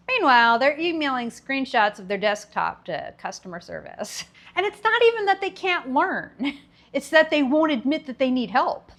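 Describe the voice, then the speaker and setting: A woman's voice: a little high, fairly bright tone. A woman in her fifties hosting a commentary video, talking in a wry, sarcastic way and laughing between her jokes. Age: 50s. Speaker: video host. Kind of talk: scripted commentary monologue.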